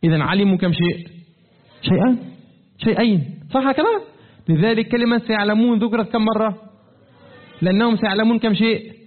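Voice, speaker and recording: Captured in a tinny, phone-like lo-fi recording, a man who teaches Quran commentary leads a religious lesson in a classroom style. He asks questions and says them again, slowing down on important words as his pitch rises and falls.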